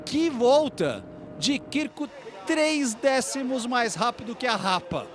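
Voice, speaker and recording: A Brazilian man calls a race as a motorsport commentator in a very high-pitched, excited voice. His delivery builds toward drawn-out calls. Engine noise and trackside ambience run clearly behind him. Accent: Brazilian Portuguese.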